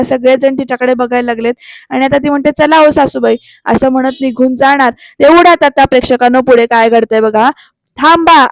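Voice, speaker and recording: A woman's voice: sits high, no room sound. A woman recapping a TV serial episode in a chatty way, addressing viewers directly with frequent tag fillers.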